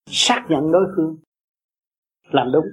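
A man's voice: on the high side, a little slow, slightly rough, poor audio. A man giving a blunt, emphatic Buddhist talk to his followers, coaxing and scolding them by turns. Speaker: Buddhist teacher.

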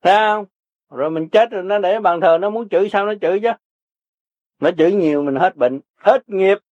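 An older man with a Southern Vietnamese accent preaches Buddhist practice in a blunt, folksy way, hammering his points through repetition. His voice sits high for a man. The recording is dry and dull, like a lo-fi tape. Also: moderate pace, darkish tone, no echo. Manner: blunt, repetitive, urging, earthy. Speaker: Buddhist teacher. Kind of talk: folksy spiritual teaching to listeners.

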